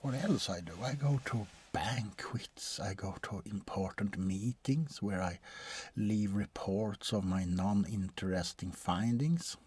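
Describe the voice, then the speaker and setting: This man's ASMR character is a centuries-old vampire doctor, weary of the world and bored, speaking huskily and breathily and often sinking into a whisper. He sounds deadpan and hesitant, fairly low and slow, with a slight hiss or hum and a dry, bored air.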